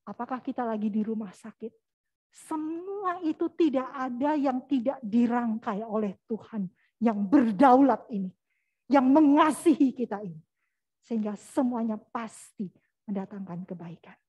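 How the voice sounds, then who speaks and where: High-voiced animated woman preacher. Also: measured pace, husky, dull audio. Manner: animated, addresses the congregation directly. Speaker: evangelist preacher. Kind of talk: storytelling sermon.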